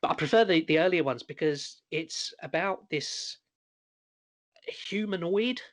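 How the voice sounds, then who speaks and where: A man co-hosting a horror podcast in casual chat, talking hesitantly with pauses and restarts. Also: fairly high pitch, expressive. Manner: hesitant, many fillers and restarts. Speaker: podcast co-host.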